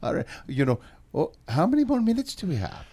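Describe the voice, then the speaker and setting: Man putting on a high, swooping leprechaun with a mock irish brogue, teasing in a radio studio. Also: huge pitch swings, fairly quick, warm tone, husky, heavily acted. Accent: put-on Irish leprechaun brogue. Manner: teasing, sing-song, flirty. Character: cheeky male leprechaun teasing everyone.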